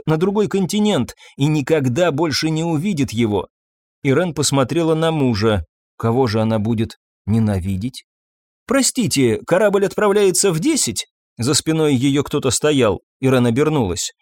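Expressive male audiobook narrator. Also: fairly high pitch, normal speed, dry recording, clean studio sound. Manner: expressive storytelling. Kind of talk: audiobook reading.

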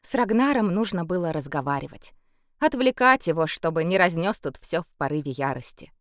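A woman reads an audiobook with expressive storytelling and lively intonation. The recording is close and dry, with no room sound. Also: lowish voice, a little fast, dry recording. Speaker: audiobook narrator. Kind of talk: scripted narration.

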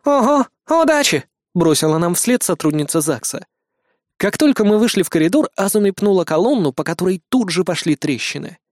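A man reading a story aloud as an audiobook narrator, in an even storytelling voice. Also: sits high, brisk, no echo, clean studio sound. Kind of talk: scripted narration.

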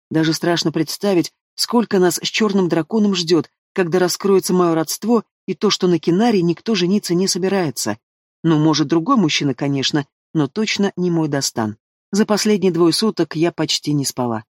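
Guy narrating a fantasy audiobook, kinda high voice, dry close sound. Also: no room sound. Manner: expressive storytelling. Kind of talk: scripted first-person narration.

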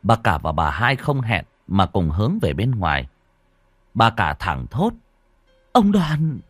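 A man narrating a horror story in a dramatic, expressive storytelling manner. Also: sits low, a little slow, slightly rough, no echo. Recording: dry close voice over faint music.

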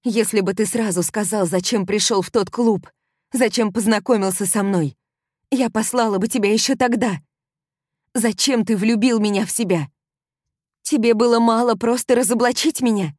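A woman's voice: on the high side, moderate pace, no echo, studio quality, voice pushed up, natural voice. A woman voicing a furious heartbroken young woman. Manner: shouting, raw and hysterical. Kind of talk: audiobook character reading.

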